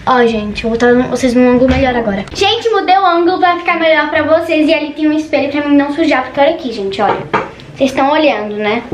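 Teen girl vlogger, high voice, jittery and chatty. Echoey bedroom with household noise behind her. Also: fast, distant mic. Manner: nervous, chatty, says "gente" constantly. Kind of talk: casual vlog chat. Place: bedroom at home. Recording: echoey room with background noise.

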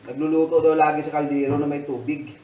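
A man's voice: fairly high pitch, steady tone, fast, dark tone, reverberant, recorded from a distance, rough recording. Filipino man chatting while he cooks. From Philippines. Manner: rambling storytelling with many fillers. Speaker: cooking vlogger. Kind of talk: casual cooking chat. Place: kitchen.

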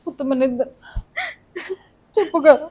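A meek mother who begs and appeases in a family drama, played by a woman. Her voice is high and softly spoken. She keeps asking the others to hush. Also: measured pace. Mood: pleading. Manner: soft, begging, appeasing. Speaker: mother of the girl being scolded.

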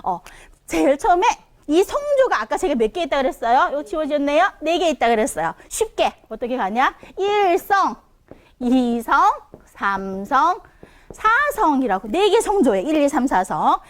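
Lively high-voiced woman teaching pronunciation. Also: brisk. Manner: demonstrates sounds with big pitch swings, asks and answers her own questions. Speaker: Chinese conversation instructor. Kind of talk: online lesson for seniors.

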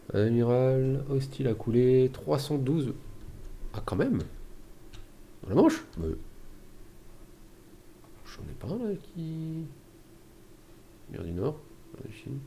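A man hosting a strategy-game let's play, thinking aloud in trailing mutters and soft asides. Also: medium pitch, animated, slow, long pauses, a little hiss or hum. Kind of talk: gameplay commentary.

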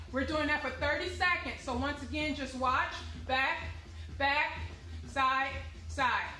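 In a medium-sized indoor activity room with a hard floor, a young female fitness instructor calls out counts and short motivational lines during an aerobics workout. Her voice is high-pitched, pushed and bright, with a roomy sound picked up by a camera or phone a few steps away.

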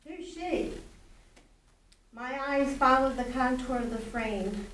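A woman author giving a measured, deliberate public reading of her own novel at a library event, recorded from a distance. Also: on the high side, fairly even intonation, fairly bright tone. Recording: roomy echo from afar, faint noise.

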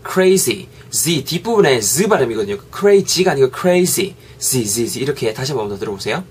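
A man with a Gyeongsang accent teaching an online English lesson, lively and repeating phrases for drills. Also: medium pitch, fairly quick, slightly rough. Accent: Gyeongsang Korean.

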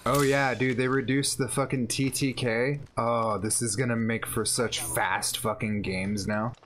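Excitable young male gaming streamer. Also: medium pitch, unhurried. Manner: excitable, swears a lot, laughs often. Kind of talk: casual gaming chat.

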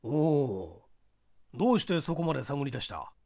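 A man's voice: mid-range voice, big pitch swings, normal speed, creaky, a little mellow. A man voicing a portly, self-important older police chief who drawls in Kyushu dialect. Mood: surprised.

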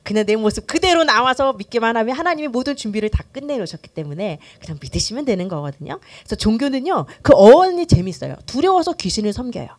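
Middle-aged woman pastor, high-pitched, very expressive delivery, chatty church-class teaching that slips into acted-out voices. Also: quick pace, hardly any pauses. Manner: animated, acts out quoted voices, many fillers.

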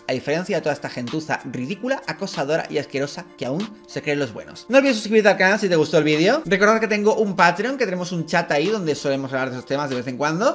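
A man delivers a scornful, insulting monologue to his viewers. His voice sits a little high and swoops widely. Faint music plays underneath. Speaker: youtuber. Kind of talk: opinion monologue to camera.

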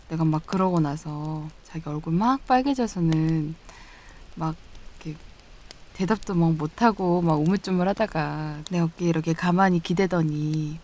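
A woman in a whispered role-play as an affectionate girlfriend, teasing and giggling softly. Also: low-pitched. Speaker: ASMR role-play performer.

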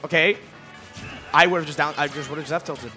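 A man doing excited live esports commentary, swearing freely and breaking into loud outbursts at big plays. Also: fairly high pitch, fairly quick, faint music behind.

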